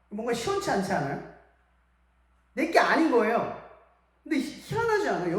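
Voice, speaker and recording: A man preaches to a hall of students as a youth pastor. His pitch rises and falls a great deal, and he keeps putting questions to the listeners. The sound rings with heavy echo from a large church room. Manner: lively, asks the audience many questions and acts out quotes. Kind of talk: sermon to students.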